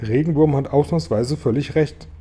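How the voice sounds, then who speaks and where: A man playing a brash shouting centipede. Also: fairly high pitch, moderate pace, slightly rough, voice pushed up. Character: centipede, brash male insect.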